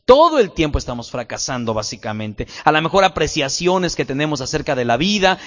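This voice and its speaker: A male pastor preaches in an animated way, asking the congregation questions as he goes. His voice sits a little high for a man. The sound is muffled, and a long reverb from the hall hangs behind it. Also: brisk. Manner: animated storyteller, acts out voices, asks the audience questions. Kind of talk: sermon with humorous anecdotes.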